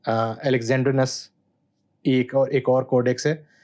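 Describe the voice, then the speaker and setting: A man, a Bible scholar guest, explaining texts in a measured, teacherly way with hesitant pauses. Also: medium pitch, fairly even intonation, a little mellow. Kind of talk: explanatory interview answer.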